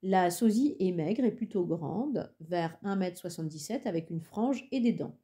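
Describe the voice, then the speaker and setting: A woman reading a novel aloud as an audiobook reader, in an even, measured way. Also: on the low side.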